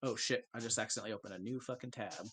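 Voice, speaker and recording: A man acting as game master, improvising narration in a casual, halting way and swearing freely. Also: fairly low pitch, very noisy.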